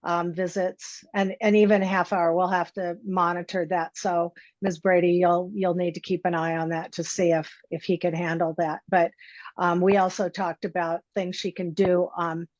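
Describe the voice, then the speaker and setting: A woman speaking as an attorney in a courtroom recording, explaining her client's position to a judge with hesitant pauses. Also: fairly low pitch, little pitch movement, darkish tone, no room sound. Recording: dry, dull lo-fi courtroom audio.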